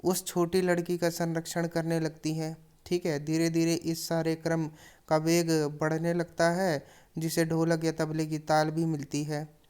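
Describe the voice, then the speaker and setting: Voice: medium pitch, monotone, measured pace, darkish tone, clear, resonant tone. A teacher retelling a story chapter for students, with plain narration and casual asides to the class. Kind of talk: explaining a story lesson.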